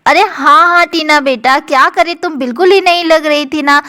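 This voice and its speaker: Woman doing a gently scolding mother doll. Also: high-pitched, normal speed. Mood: apologetic.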